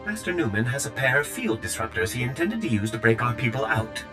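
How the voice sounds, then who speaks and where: A man voicing a too-smooth android servant. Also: mid-range voice, very animated, fairly quick, over music, close to an everyday voice. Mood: brisk. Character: prim, fussy male servant droid, smooth-voiced. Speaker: game character. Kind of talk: video game voice acting.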